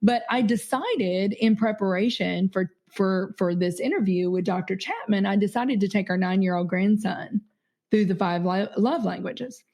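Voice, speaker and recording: Speaking at normal speed in a mid-range voice, this middle-aged woman is being interviewed on a podcast about her role as a company CEO. The conversation comes across earnest and warm, full of fillers, and she laughs readily.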